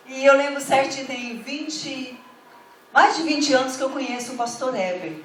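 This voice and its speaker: A woman's voice: high voice, moderate pace, a little hiss or hum. A middle-aged woman pastor, preaching a fervent sermon that rises to emphatic calls to the congregation. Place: church hall. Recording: echoey hall from far off.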